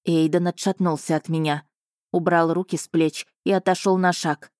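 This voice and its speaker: Female audiobook narrator, low and measured, dry booth sound. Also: fairly even intonation, a little mellow, dry recording. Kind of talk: first-person audiobook narration.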